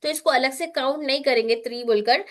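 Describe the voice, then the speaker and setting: A woman teaching Quran recitation in an online lesson, explaining slowly and carefully and repeating single sounds as examples. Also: high voice, fairly bright tone.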